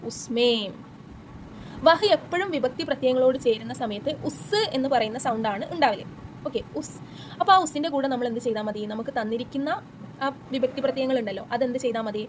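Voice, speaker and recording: A woman's voice: high voice, slight background noise, low-quality recording. A young woman teacher with a Malayali accent, explaining exam questions step by step and answering her own questions. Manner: reads the textbook text slowly and deliberately. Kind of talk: exam-prep lesson.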